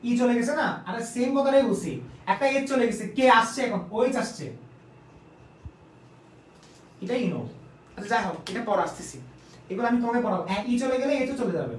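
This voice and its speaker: A man's voice: extremely high pitch, expressive, moderate pace, pauses often. A man tutoring chemistry in a casual online lecture. He keeps asking questions and answering them himself. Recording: echoey room, distant mic, faint noise.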